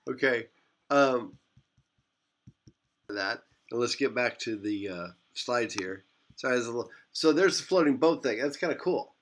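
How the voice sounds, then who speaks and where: A man teaches a physics class in a mid-range voice, speaking a little slowly with long pauses. His lecture rambles, and he repeats phrases and corrects himself along the way.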